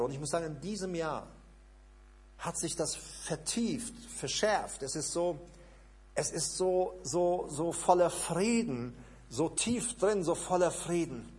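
Husky pastor guy, voice kinda high, preaching in church, keeps repeating short prayers all hushed and low. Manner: repetitive, fervent, drops to a hushed low voice on prayer lines. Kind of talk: sermon with spoken prayer. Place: church service, also streamed online.

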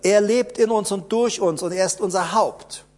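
A man preaching a sermon, emphatic and repetitive, asking rhetorical questions and swinging between hushed lines and loud bursts. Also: high-pitched, normal speed.

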